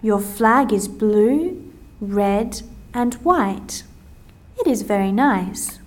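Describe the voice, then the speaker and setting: An Australian woman presenting a scripted language-lesson dialogue, speaking carefully and clearly for learners. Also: medium pitch, lively intonation. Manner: slow, carefully articulated, as if for learners.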